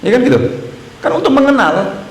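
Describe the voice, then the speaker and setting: A man's voice: very high-pitched, very animated, fairly quick, slight background noise. A man giving a casual Islamic study lecture in a mosque, putting rhetorical questions to his listeners. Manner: conversational, asks the audience rhetorical questions. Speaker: ustadz teaching a mosque study circle. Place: mosque hall. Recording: echoey mosque room, faint ambience.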